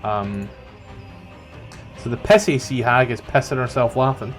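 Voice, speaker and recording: A man's voice: medium pitch, measured pace. A man running a tabletop game as game master, narrating casually with joking, profane asides. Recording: music playing behind. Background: background music.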